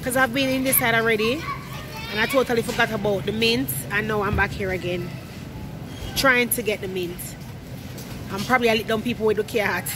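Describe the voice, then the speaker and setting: A young woman from Jamaica talks casually to her viewers while shopping, her accent strong and her voice a touch high. She chats and laughs as she walks, with the phone held at arm's length. Store noise stays clearly audible behind her. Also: fairly even intonation, brisk. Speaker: vlogger. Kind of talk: casual vlog chat. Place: large indoor supermarket. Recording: loud store background noise.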